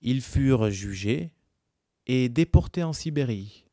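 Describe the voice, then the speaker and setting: Slow, mellow male storyteller. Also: medium pitch, dry recording, clean studio sound. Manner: calm, measured storytelling. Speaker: narrator. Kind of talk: scripted narration of a folk tale.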